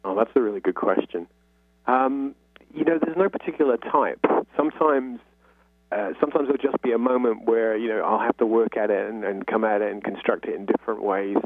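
A North London man with a London accent, a guest novelist on the radio, answers interview questions thoughtfully and explains his views. His lowish voice moves a little fast and has a breathy edge, without echo. The line is phone-like, muffled and narrow-band.

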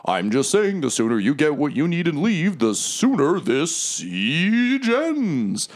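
A man voicing a gruff, annoyed male merchant boss who barks brisk orders. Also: on the high side, very animated, pitched above the performer's own voice, full character voice. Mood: irritated. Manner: brisk, irritated, barking orders.

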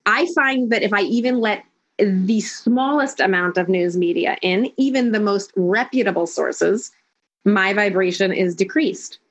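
A woman life coach with a medium-pitched, unhurried voice gives a conversational interview on lo-fi sound. She is emphatic and firm, stating things declaratively and quickening when she lists points.

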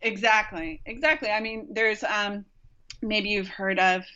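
A woman's voice: mid-range voice, steady tone, measured pace, bright, forceful tone, clear, resonant tone. Chatty woman acupuncturist, lo-fi sound. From Rochester, New York. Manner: chatty, rambling, frequent fillers and restarts. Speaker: acupuncturist guest. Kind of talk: casual podcast interview.

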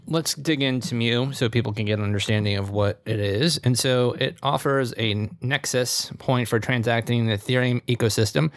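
An upbeat man hosts a podcast interview from a remote call. He sounds enthusiastic and strings his thoughts together with "and so". The sound is dry, with little room echo. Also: medium pitch. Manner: upbeat, enthusiastic, many fillers like "and so". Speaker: podcast host. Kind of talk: casual interview hosting.

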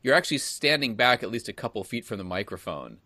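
A man's voice: medium pitch, sing-song, fast, pushed and bright, dry recording. A man hosting a casual interview, rambling through his questions with many restarts. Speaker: interview host.

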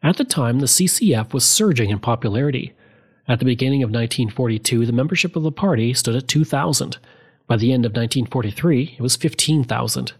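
A man's voice: medium pitch, fast, breathy edge. A man reading a scripted history narration as a host.

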